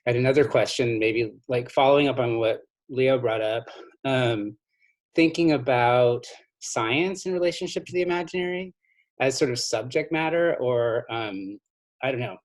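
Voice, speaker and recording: A man's voice: mid-range voice, moderate pace. A man moderating a talk on a video call, out of breath, asking questions in a hesitant way as he searches for words. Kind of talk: casual conversation.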